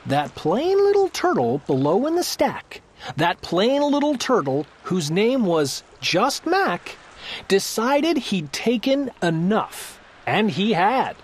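A woman narrating a children's storybook aloud, reading the verse in an expressive, emphatic, theatrical way. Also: medium pitch, slow pace, a little hiss or hum.

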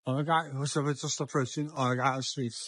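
Fairly quick and fairly even in intonation, this young man's mid-range voice is a bit bright and has no room sound. He's a chatty, mildly tipsy vlogger filming a handheld walking vlog through town at dusk, rambling on and circling back to the same things.

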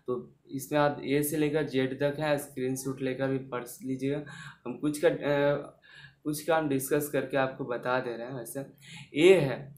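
A man with an Indian accent teaching a recorded class, speaking slowly and repeating points, often asking listeners questions and then answering them himself. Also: medium pitch, a little mellow. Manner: slow, repetitive, quizzes listeners with questions.

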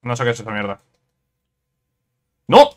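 A man from giving casual let's-play commentary on a fighting game, excitable, repeating words in quick bursts and ending phrases with "eh?". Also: mid-range voice. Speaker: gameplay commentator.

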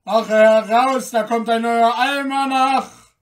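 A man voicing a band of gruff old gate guards who shout, scold and mock, recorded a little off the mic. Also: extremely high pitch, measured pace, far from the mic, voice pushed up. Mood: barking. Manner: loud, scolding, mocking.

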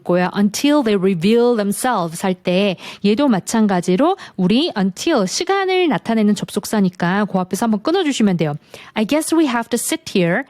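Woman teaching English phrases slowly. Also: medium pitch, lively intonation, darkish tone, dry recording. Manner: explains step by step, slowly models English phrases. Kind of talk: online English lesson.

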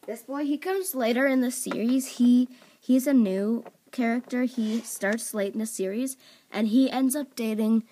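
A slightly high voice with a dark tone belongs to a channel host who sits off-camera at home presenting toys on a table for voice auditions. Her talk is casual and meandering, heavy on "like" and "um," with frequent self-corrections. Slight background noise comes through the phone or camera mic.

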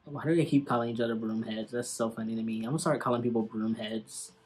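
A man's voice: fairly low pitch, fairly even intonation, fast talker, music in the background. A young man giving casual, slangy and sassy commentary as he reacts to an old TV episode.

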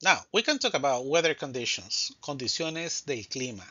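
A man teaching English vocabulary, slowly saying each word twice in a drill lesson. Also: mid-range voice, very animated, bright, forceful tone, breathy edge, no room sound. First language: Spanish. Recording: dull dry lo-fi recording.

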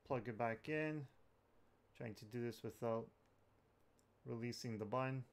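A man with a medium-pitched voice hosts a tech tutorial, walking viewers through each step in a casual, plain-spoken way at a measured pace.

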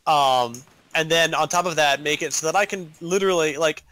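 A man's voice: fairly high pitch, a little fast, sharp tone. A man in casual gaming chat, ranting animatedly and swearing while explaining changes to his class.

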